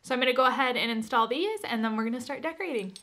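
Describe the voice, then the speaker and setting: A woman in her thirties with a slightly high voice, chatting informally to camera. She walks through home decor steps one by one, in a casual vlogger style. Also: expressive, racing, a bit bright, slight background noise. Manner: chatty, informal, explains step by step. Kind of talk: casual explanatory vlog talk to camera. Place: furnished living room at home, indoors.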